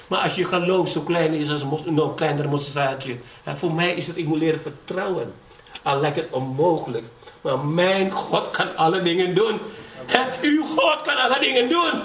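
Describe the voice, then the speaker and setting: Middle-aged male pastor, high voice, fervent sermon, distant mic, reverberant church hall. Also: fairly bright tone. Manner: keeps asking the congregation "ja?"; emotional testimony, voice rising in fervour. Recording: echoey hall, from far off, faint background noise.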